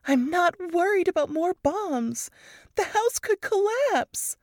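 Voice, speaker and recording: A frantic young woman shouts high and urgent through the wreckage of a bombed house, as a woman reading the story puts her on. Her calls sound strained and thin, pitched far above an ordinary speaking voice, in a dry, close storybook reading. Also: expressive, takes it slowly, dry recording, full character voice. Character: frantic young woman searching bomb rubble for her friend.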